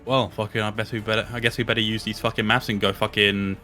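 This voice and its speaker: A man's voice: fairly low pitch, little pitch movement, fast talker, music in the background. A man playing a tabletop game, chatting casually in character with blunt, sweary phrasing.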